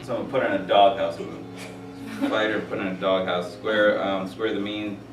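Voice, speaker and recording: A man's voice: deep voice, fairly even intonation, a little fast, over music. A man in his forties teaching a math class, rambling and joking with stories between the steps. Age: 40s. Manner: rambling, jokey, with asides and stories. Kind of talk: classroom lecture. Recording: echoey room, from far off.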